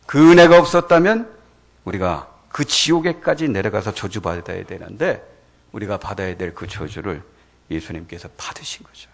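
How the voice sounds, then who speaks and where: A male pastor preaching a sermon in a church, animated and full of rhetorical questions to the congregation. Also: lowish voice, normal speed, vocal fry. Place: church sanctuary.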